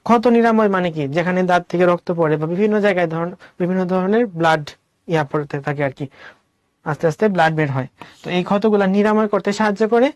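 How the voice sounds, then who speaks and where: A fast-talking male teacher with a high-pitched voice gives an online class in Bangla peppered with English words. He breaks things down step by step and answers his own questions. There is no room sound.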